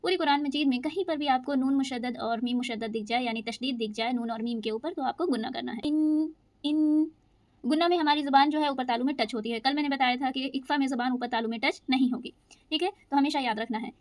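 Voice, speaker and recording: A woman teaching Quran recitation rules, patiently explaining each rule and reciting verses slowly. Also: high voice, no room sound. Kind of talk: step-by-step recitation lesson.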